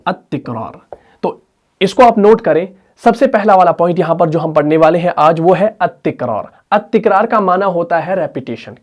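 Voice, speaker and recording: A man, teaching a recitation class, explaining slowly and asking and answering his own questions. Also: high-pitched, a little mellow. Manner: recites Quranic verses in drawn-out chant. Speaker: tajweed teacher. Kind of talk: online Quran recitation lesson.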